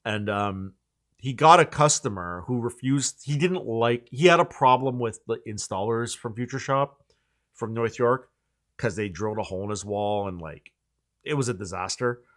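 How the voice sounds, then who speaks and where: Male host, forties, relaxed chat, rambling with fillers and restarts. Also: medium pitch, normal speed. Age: 40s. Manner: rambling, full of likes and restarts. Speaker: channel host. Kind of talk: casual chat.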